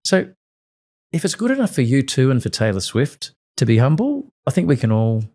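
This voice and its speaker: A man with an Australian accent, a radio host and guest, telling animated stories in casual interview chat. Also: medium pitch, normal speed. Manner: animated storyteller.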